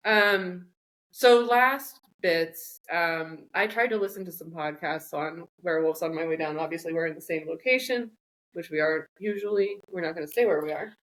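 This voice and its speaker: A woman's voice: on the low side, normal speed, fairly bright tone. A woman co-hosting a podcast in casual chat, telling stories in a joking, rambling way. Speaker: podcast co-host.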